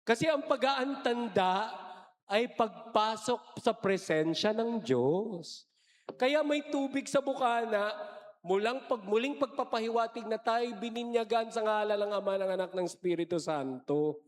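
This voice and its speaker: A man's voice: sits high, measured pace. A man giving a playful, joking sermon-style talk to a congregation, coaxing them into call-and-response. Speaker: lay preacher giving a parish retreat talk. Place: large church. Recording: echoey church hall.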